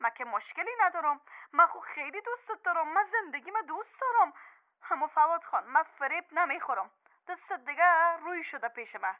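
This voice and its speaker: Woman doing a betrayed young wife, really high voice, bitter and accusing over a tinny phone line. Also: lively intonation.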